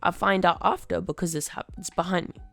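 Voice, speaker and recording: Gravelly, wry podcast storyteller. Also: mid-range voice, little pitch movement, brisk, a bit bright, no echo, soft background music. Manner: wry, conversational narration. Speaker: podcast host reading online posts. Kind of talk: story reading.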